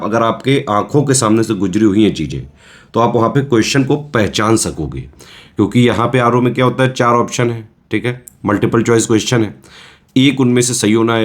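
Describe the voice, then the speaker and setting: A man coaching exam students in a casual, reassuring lecture, often checking in with his listeners. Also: on the low side.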